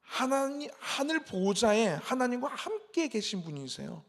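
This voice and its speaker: Emphatic male pastor with a gravelly voice. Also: very high voice, big pitch swings, a little slow. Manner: emphatic, acts out the people's complaints in quoted voices. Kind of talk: sermon.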